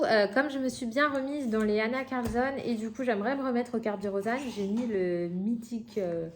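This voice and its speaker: A woman's voice: mid-range voice, slight background noise. A woman in her thirties chatting casually at home in a hobby vlog, with many fillers and restarts. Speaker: coloring vlogger. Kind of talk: casual chat.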